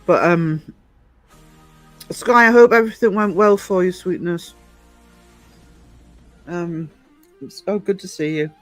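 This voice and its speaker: A woman's voice: on the low side, slow, pauses often, faint music behind. A woman in her fifties chatting casually with viewers on a livestream, rambling and chuckling often. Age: 50s. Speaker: livestream host.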